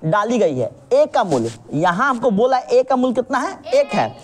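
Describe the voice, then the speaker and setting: A woman's voice: a little high, very animated, moderate pace. A woman teacher explaining a reasoning lesson, patiently checking over and over that her student understands. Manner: patient, keeps checking understanding with repeated questions; calls the student "babu", drills with call-and-response.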